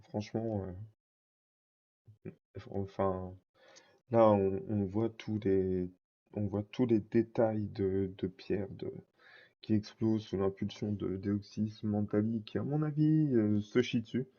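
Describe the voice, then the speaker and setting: Male vlogger, casual rambling delivery, low dark voice, slightly dull recording. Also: steady tone, slow. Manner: rambling, many fillers and self-corrections. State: scratchy throat. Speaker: card collector vlogger. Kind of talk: casual collection showcase.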